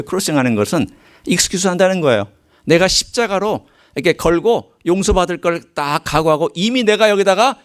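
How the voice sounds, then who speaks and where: A middle-aged man preaching a sermon, telling a story and swinging from quiet low asides to high, emphatic calls. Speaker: pastor.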